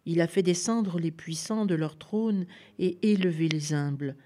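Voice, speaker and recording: Tender young woman in a storybook, soft hushed prayer-like recitation, low dark voice, as a woman reads her. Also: unhurried, lightly acted. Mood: exultant.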